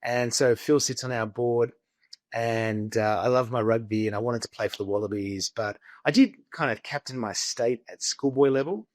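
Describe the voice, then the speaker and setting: An Australian man from Sydney, an investment executive appearing as an interview guest, tells stories in a relaxed, anecdotal way. His voice is medium-pitched and moderately paced, with no room sound.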